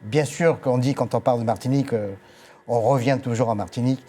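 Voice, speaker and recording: Measured older male executive guest. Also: medium pitch, fairly even intonation, mellow. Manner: measured, formal, thankful, with frequent hesitations. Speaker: guest, agency director. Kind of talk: TV interview. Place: TV studio.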